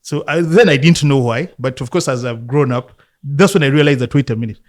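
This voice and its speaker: A man's voice: medium pitch, brisk. Reflective Ugandan man telling stories. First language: Luganda. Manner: reflective, laughs often, many restarts. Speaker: interview guest, football coach. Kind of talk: relaxed storytelling conversation.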